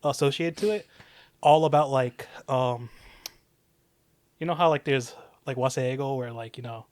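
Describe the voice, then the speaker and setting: A man's voice: medium pitch, moderate pace, a little mellow. A young man co-hosting a podcast, explaining things in a laid-back way with many hesitant restarts. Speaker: podcast co-host. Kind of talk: casual chat.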